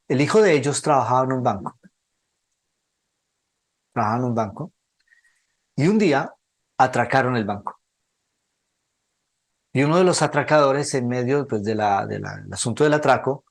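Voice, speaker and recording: A man teaching a theology seminar, telling a story in an earnest, emotional, sermon-like way and slowing down for emphasis. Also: medium pitch.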